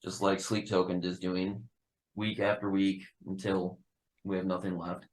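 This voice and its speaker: A man with a fairly low voice talks casually as a guest in a band interview. He is laid-back, laughs a lot and swears freely. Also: flat delivery, a little slow, rough recording. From Upper Peninsula of Michigan.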